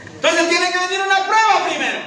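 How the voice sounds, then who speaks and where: A man's voice: very high-pitched, fairly quick, bright, forceful tone, recorded from a distance. A man preaching a sermon as pastor, emphatic and full of rhetorical questions. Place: church hall. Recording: echoey church hall from afar, faint hiss.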